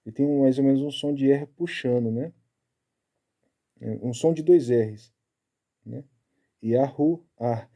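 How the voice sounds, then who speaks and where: A man giving a casual Bible study, explaining step by step and tagging his sentences with quick checks to the listener. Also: medium pitch, creaky, warm tone. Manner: chatty, keeps tagging lines with "né?"; explaining Hebrew letters and pronunciation step by step.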